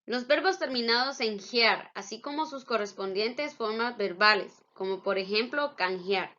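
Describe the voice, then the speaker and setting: A woman teacher explaining spelling and punctuation rules slowly and with careful enunciation. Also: a little high, lively intonation, sharp tone. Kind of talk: spelling and grammar lesson. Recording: dull lo-fi recording.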